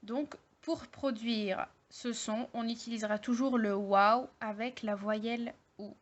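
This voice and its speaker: A woman teaching an online language lesson, explaining slowly step by step with many hesitations and fillers. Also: fairly high pitch, steady tone, dull audio. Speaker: Arabic teacher.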